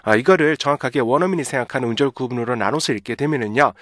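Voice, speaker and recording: A man teaching English pronunciation, explaining patiently and slowly drawing out example words, often checking in with the listener. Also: medium pitch, a bit bright, dry recording, studio quality. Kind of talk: pronunciation lesson.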